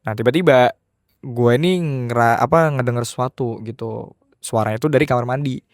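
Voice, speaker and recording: A man's voice: mid-range voice, a little fast, no room sound, studio quality. A man telling a horror story in a casual podcast chat.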